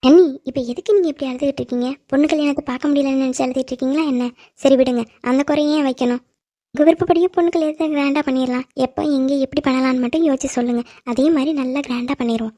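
A woman's voice: high voice, fairly even intonation, rapid-fire, natural voice. A woman voicing a kind, middle-aged mother of the groom in a cartoon drama, comforting the other family. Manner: comforting, warm-hearted.

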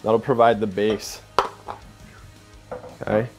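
Over music, a young cooking show host talks slowly with little pitch movement. He's running a casual demo in a home kitchen, staying chatty and upbeat, describing each step and saying "boom" along the way.

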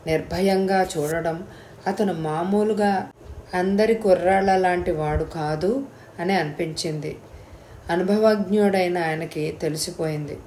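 A woman reads a novel aloud in an even, expressive storytelling manner. Her voice sits on the lower side, with a faint hum of noise behind her. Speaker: audiobook narrator. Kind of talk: novel reading.

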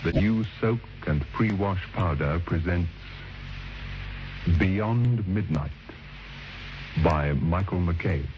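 A man's voice: low voice, slow, long pauses. A man formally announcing a sponsored radio programme and its title. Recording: dull vintage radio recording with music.

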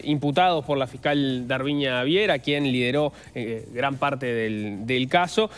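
A man hosting a news talk show, briefing listeners on a case and questioning his guest, with frequent "este" fillers. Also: fairly high pitch. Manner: informative, uses many "este" fillers. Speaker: radio show host, interviewer.

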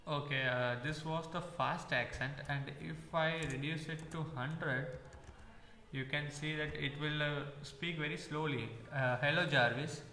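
Man, coding instructor, halting with fillers, bright voice, echoey room. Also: fairly high pitch, steady tone. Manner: halting, with many "uh" fillers while explaining. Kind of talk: screen-recorded coding tutorial. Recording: echoey room with long reverb.

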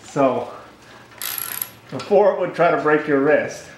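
Slow and fairly high-pitched, a middle-aged maker explains a workshop build informally while working, hesitant and self-deprecating. The indoor recording carries faint workshop background noise.

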